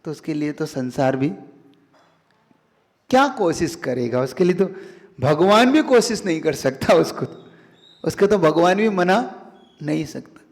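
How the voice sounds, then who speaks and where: A man with a high voice delivers a sermon, lively and pressing his listeners with rhetorical questions. His words ring out with a long reverb, as in a large hall. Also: measured pace, creaky, pauses often. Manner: animated, rhetorical questions to the audience. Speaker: Jain monk preacher.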